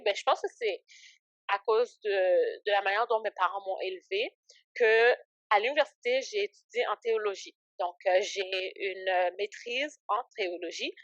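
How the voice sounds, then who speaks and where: A woman in her late twenties, born in Haiti and raised in Canada, is a ministry founder chatting as a guest in a casual interview in Ottawa. She sounds hesitant, uses many fillers, and laughs easily. Her voice sits on the high side, and the lo-fi recording has no echo.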